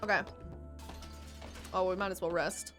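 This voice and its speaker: A woman's voice: on the low side, steady tone, measured pace, fairly bright tone. A woman livestreaming a video game, chatting casually with viewers, swearing freely and laughing often. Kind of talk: casual gameplay chat. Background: game music.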